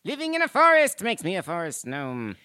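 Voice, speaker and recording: A man's voice: high voice, a little fast, clear, resonant tone, dry recording, clean studio sound, heavily acted. A man doing a cheeky little forest gnome. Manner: sly, deadpan, crude jokes. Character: tiny cheeky crude male forest gnome. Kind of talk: improvised comedy podcast bit.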